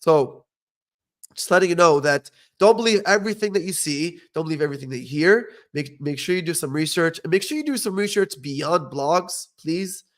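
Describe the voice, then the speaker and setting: A young man with a dentistry background hosts a laid-back educational podcast in a fairly high, expressive voice at normal speed. He's blunt and opinionated, often asking "okay?" to check in with listeners.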